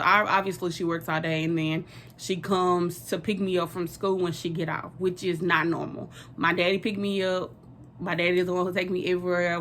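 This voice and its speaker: A woman's voice: on the low side, a bit bright, slight background noise. A young woman, telling a personal story in a rambling, casual way with lots of fillers.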